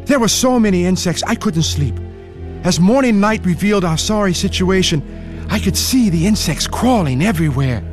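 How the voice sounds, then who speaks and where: A man's voice: sits high, expressive, normal speed, over music. A man from Ethiopia narrating his own story in an earnest first-person radio drama. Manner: earnest, pleading when frightened. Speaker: narrator and lead character.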